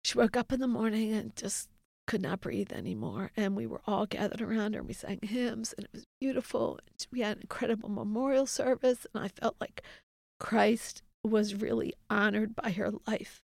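Woman, middle-aged, gravelly voice, earnest testimony, dry close sound. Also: mid-range voice, normal speed, a little mellow, dry recording. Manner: earnest, reflective, quotes others in dialogue. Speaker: interview guest. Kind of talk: candid faith testimony.

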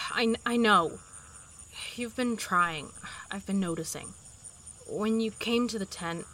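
A woman's voice: mid-range voice, slow, pushed and bright, a little hiss or hum. An actress playing a feisty, blunt but tender woman in love in an audio drama. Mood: soft, remorseful.

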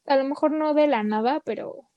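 A woman's voice: high-pitched, moderate pace, no echo, highs cut off. A woman co-hosting a casual podcast chat, talking with lots of fillers. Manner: chatty, many fillers. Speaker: podcast co-host.

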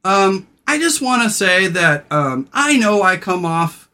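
A man hosting a podcast, brash and irreverent, loud radio-style delivery that drops to low, slow, soft talk when sincere. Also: big pitch swings. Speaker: podcast host. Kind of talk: casual podcast chat.

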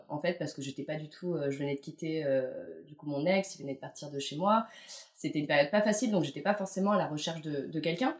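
A woman's voice: lowish voice, darkish tone, reverberant. A woman in her late twenties, a guest speaking hesitantly and reflectively with many fillers, at home. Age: late 20s. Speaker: interview guest. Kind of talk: casual chat. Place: couple's apartment.

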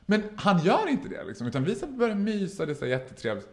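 A man telling a story in casual podcast chat, laughing and acting out the voices of the people in it. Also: high voice. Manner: animated, laughing, acts out quoted voices.

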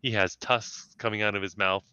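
A man's voice: lowish voice, steady tone, normal speed, bright, forceful tone, clear, resonant tone, dry recording. A man talking as a podcast guest in casual chat, reflective and working through his thoughts with restarts. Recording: slightly dull lo-fi sound, dry.

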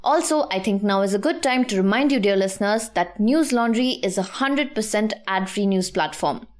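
A woman with an Indian English accent presenting scripted news in a measured, formal and articulate manner. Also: medium pitch, animated.

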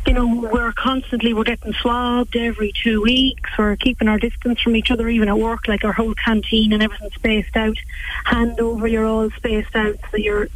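A young woman speaks with an Irish accent from County Cavan, her voice a little high. She is talkative and earnest, answering interview questions in an informal, colloquial way. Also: low-quality recording. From West Cavan, Ireland. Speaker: nursing home healthcare worker, interview guest.

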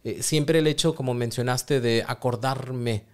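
A man's voice: mid-range voice, a little slow. Earnest reflective man. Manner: earnest, reflective, laughs easily. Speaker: co-host talking with his partner. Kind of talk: casual conversation.

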